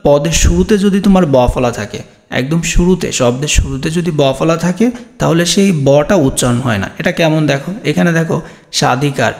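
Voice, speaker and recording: A man's voice: a little high, creaky. A man teaching an exam-prep grammar lesson, explaining step by step and answering his own questions.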